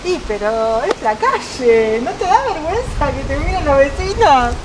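A woman's voice: high voice, big pitch swings, moderate pace, a crowd in the background. A middle-aged woman with an Argentine accent, chatting casually to her camera on an empty street, giggly and playfully embarrassed. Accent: Argentine Spanish. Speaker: vlogger. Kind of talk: casual vlog chat. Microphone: handheld camera. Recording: outdoor background noise.

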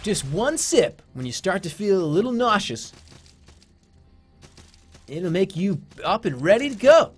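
Man putting on a loud, hard-selling commercial announcer voice, lively and pitched up, mock ad spot. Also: measured pace, pauses often. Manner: loud, pushy sales pitch. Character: overeager male energy-drink ad announcer.

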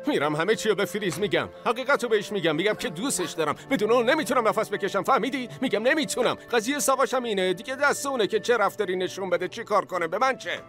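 A young father who is torn and exhausted, pleading with his wife and then crying out in despair. His voice sits high and leaps all over the place. It is a dubbed TV drama with faint music underneath. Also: expressive, hardly any pauses, a bit bright. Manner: pleading, bursts into raised cries. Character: distraught young father, trapped in marriage. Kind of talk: Persian dub of a TV drama.

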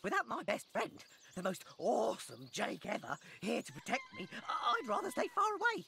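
A woman's voice: a little high, normal speed, creaky, slight background noise, heavily acted. A woman voicing a loyal, simple talking dog in a video game, blunt and childlike, grieving its best friend. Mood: nervous. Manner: blunt, excitable, childlike wording. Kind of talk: animated video game voice acting.

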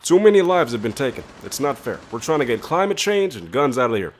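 A man switching impression voices while gaming, here playing a middle-aged, folksy, joking president with a halting delivery. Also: medium pitch, very animated, a little hiss or hum, lightly acted.

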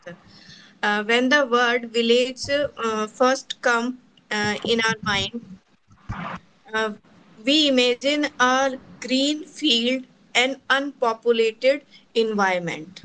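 A woman with a North Indian accent and Hindi as first language, haltingly presenting as an English learner in an online class. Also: on the high side, bright, forceful tone, slight background noise, rough recording. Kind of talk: halting speaking-practice presentation.

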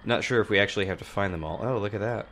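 Rapid-fire, a man in his thirties with a cold-blocked nose hosts a let's play, first greeting viewers with energy, then muttering quietly to himself as he plays. The large studio mic on its boom arm, in a home room stacked with plush toys, has a faint hiss or hum.

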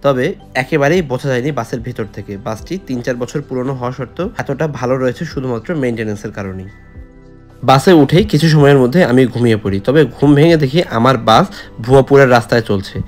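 A man giving scripted voice-over narration for a travel vlog, describing the trip as he goes. He talks quickly. Soft music plays under his voice. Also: medium pitch. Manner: descriptive, reviewing. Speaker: travel vlogger.

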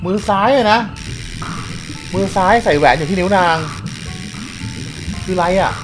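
A young man giving casual, excitable gameplay commentary, swearing often and breaking into loud outbursts. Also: high-pitched, a little slow, music in the background, low-quality recording. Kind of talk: casual let's-play commentary.

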